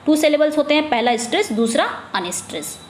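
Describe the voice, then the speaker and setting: High-voiced Indian woman tutoring in an echoey room. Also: lively intonation, slight background noise. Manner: asks and answers her own questions; reads questions slowly, drops low on answers. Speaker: English exam tutor. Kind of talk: exam-prep lesson in Hindi-English mix.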